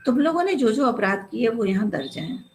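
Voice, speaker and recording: A woman's voice: a little high, very animated, a little fast, a little mellow, slight background noise, poor audio. A woman voicing a scheming, bossy male police inspector who lectures and scolds. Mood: lecturing.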